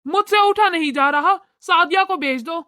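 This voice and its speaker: A woman's voice: extremely high pitch, moderate pace, pushed and bright, dry recording, studio quality. A woman voicing a stern middle-aged father in a cartoon, scolding and lecturing his family. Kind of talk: cartoon voice acting.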